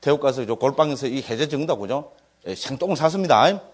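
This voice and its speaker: A middle-aged man with a Gyeongsang accent, a Buddhist monk giving a relaxed classroom lecture. He talks loosely and keeps checking for the class's agreement. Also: medium pitch, fast, husky. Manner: chatty, keeps asking listeners for agreement.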